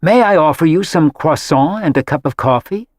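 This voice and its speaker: A man's voice: fairly high pitch, expressive, normal speed, no echo, clean studio sound, voice pushed up, close to an everyday voice. A man voicing a kind, unflappable woman chef who speaks politely, in an audiobook. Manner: polite, gracious.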